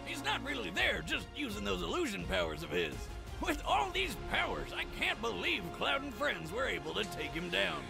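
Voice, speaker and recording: A brash, excitable action-show co-host acted by a man, pitched very high for a male voice and full of gravel. He delivers crude, slangy comic commentary with lively swings, over clear background music. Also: moderate pace, heavily acted. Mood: brash, hyped.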